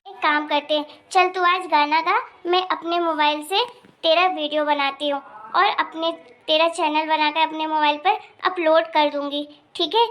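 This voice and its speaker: A woman voicing a confident, loyal rich young girl in an animated cartoon, talking in an insistent, bossy way. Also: high-pitched. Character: bold, loyal rich young girl who defends her friend.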